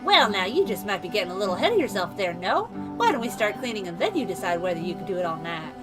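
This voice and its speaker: A woman's voice: mid-range voice, big pitch swings, fast, close to an everyday voice. A woman voicing a chatty, old-fashioned house-cleaner in a drawling put-on country accent, full of homespun sayings. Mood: folksy. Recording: game music playing behind.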